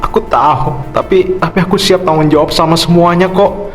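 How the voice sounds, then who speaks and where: A man voicing an anxious young boyfriend in an animated drama, talking in an earnest, pleading way. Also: a little high, normal speed, soft background music, natural voice.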